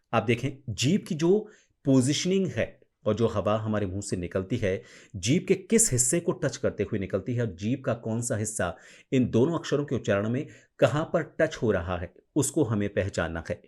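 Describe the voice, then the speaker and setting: A man giving a pronunciation lesson, speaking slowly and carefully and showing each sound himself. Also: medium pitch, very animated, darkish tone, breathy edge. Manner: slow, careful, demonstrates sounds. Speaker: teacher of pronunciation. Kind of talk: spoken tutorial to camera.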